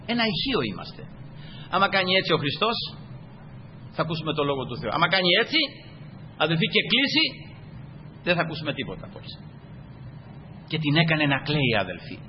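Preaching a sermon in an echoey hall, a man with a high-pitched voice speaks emphatically and calls out to the brothers again and again. The recording sounds dull, with a little hiss or hum.

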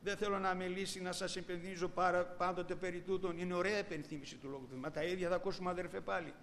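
Animated high-voiced preacher in an echoey hall. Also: male voice, a little hiss or hum. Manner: animated, rhetorical questions to the congregation. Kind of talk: evening sermon. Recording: echoey hall with faint ambience.

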